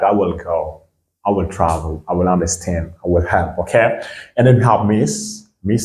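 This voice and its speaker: A man's voice: on the low side, warm tone, roomy sound. A man from Guinea, teaching English pronunciation and repeating example words while checking that listeners understand. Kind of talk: bilingual pronunciation lesson.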